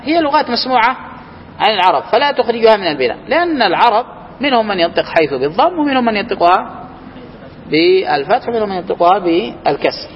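A man's voice: sits high, big pitch swings, fast talker. A man teaching a grammar class to students in person, explaining step by step and testing them with questions as he goes. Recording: reverberant room, muffled, faint hiss.

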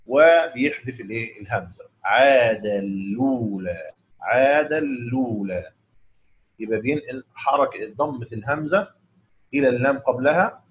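A man with an Egyptian accent teaching the rules of Quran recitation. He explains in casual speech and slowly chants each verse to show the reading. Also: medium pitch. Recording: dull lo-fi recording.

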